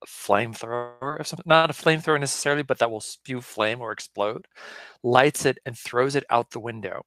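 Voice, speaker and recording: A man's voice: medium pitch, bright, forceful tone, dry recording. A man playing a tabletop game, thinking aloud and correcting himself as he describes his character's actions. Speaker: player.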